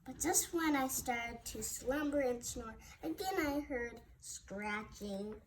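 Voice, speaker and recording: Reading a rhyming story for children, this woman speaks slowly in a very high, girlish-sounding voice. Her delivery is halting, with frequent repeated words, against noticeable background noise.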